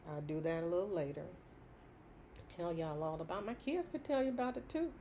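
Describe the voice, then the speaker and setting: A woman's voice: on the low side, animated, fairly quick, dark tone, slight background noise. A middle-aged woman talking in an unscripted personal monologue, rambling, repeating her points and laughing often between phrases. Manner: emphatic repetition. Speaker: vlogger.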